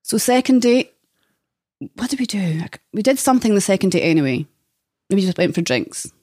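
A woman's voice: mid-range voice, sing-song, brisk, dark tone, no room sound, studio quality. A young woman, a podcast guest, chatting candidly and telling dating stories with plenty of laughter. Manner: candid, chatty storyteller who laughs often.

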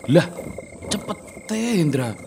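An actor playing a bold, nosy young man, teasing and swinging from loud to soft in a radio drama. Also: fairly high pitch, big pitch swings, slow pace, gravelly, background noise, full character voice. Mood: eager.

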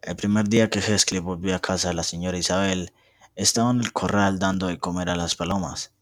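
Deep-voiced young man reading a novel aloud. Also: no room sound, clean studio sound. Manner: steady, measured reading. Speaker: student narrator.

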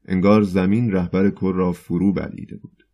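A man reading a novel aloud in measured, scripted audiobook narration. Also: low voice, level tone, muffled recording.

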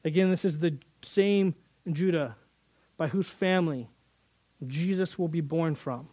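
A man's voice: fairly high pitch, measured pace, mellow, no room sound. A man teaching through a Bible passage in earnest, often repeating words as he builds emphasis.

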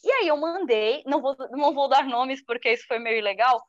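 A woman with a high voice recounts her reporting days in an interview, lively and acting out quoted speech. The sound is dull and lo-fi and very dry. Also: a little fast, dry recording. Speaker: journalist. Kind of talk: personal storytelling in an interview.

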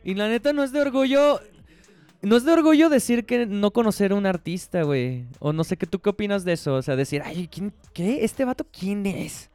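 Slangy Mexican man, smooth higher voice. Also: brisk, darkish tone. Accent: Mexican Spanish. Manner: slangy, laughs often, playful. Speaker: podcast co-host. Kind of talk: casual chat.

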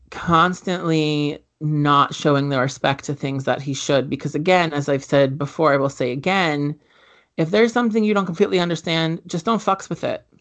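A podcast co-host in a casual movie chat, rambling with lots of fillers and swearing freely. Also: medium pitch.

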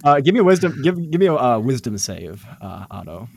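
A man running a tabletop role-playing game, his voice gravelly and swinging widely in pitch. He mixes casual rules talk with playful menace. Faint room noise hangs behind him. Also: sing-song, brisk, a little mellow. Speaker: game master.

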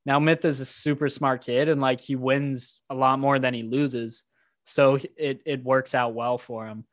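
A man's voice: medium pitch, flat delivery, unhurried, no echo, clean studio sound. A young man guest on a podcast, talking easily and casually, hedging his points with lots of "like.". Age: young adult. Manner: easygoing, hedging, "like"-filled. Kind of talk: casual chat.

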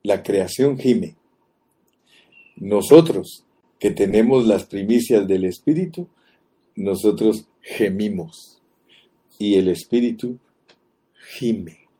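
A man preaching a sermon slowly and deliberately, asking his congregation questions as he explains a passage. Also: lowish voice, animated, dark tone, breathy edge.

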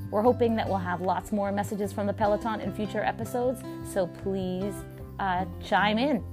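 A woman co-hosting a team podcast, chatting casually in an upbeat way with a loud voice and many fillers. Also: medium pitch, fairly even intonation, normal speed, over music. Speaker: podcast co-host. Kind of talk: casual chat.

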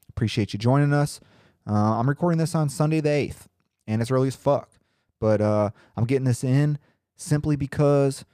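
A young podcast host rambles casually and profanely on his own show, sounding laid-back and a bit congested and nasal from a cold. His medium-pitched voice is warm, and the studio-quality recording has no echo.

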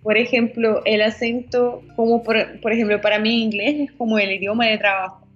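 A woman chatting casually about Spanish accents, lively and playful, laughing often. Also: fairly high pitch, normal speed, breathy edge, lo-fi sound, faint music behind.

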